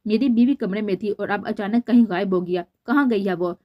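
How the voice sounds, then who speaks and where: A woman's voice: medium pitch, no echo, highs cut off, close to an everyday voice. A woman voicing a stern young husband speaking with harsh, controlled anger, read from a storybook. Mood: angry.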